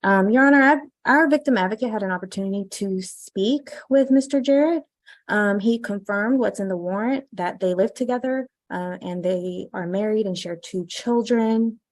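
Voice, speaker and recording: A woman's voice: medium pitch, moderate pace, no room sound. Woman on a glitchy, robotic video call. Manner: hesitant, with frequent ums. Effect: glitchy, robotic bad-connection audio. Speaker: prosecutor. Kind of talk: formal statement at a video-call court hearing.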